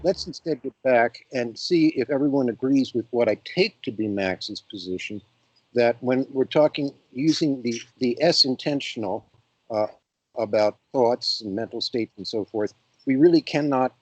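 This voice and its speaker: A man's voice: medium pitch, animated, normal speed, darkish tone, no room sound, muffled recording. Dry-sounding man steering a discussion. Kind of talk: casual academic discussion. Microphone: video call.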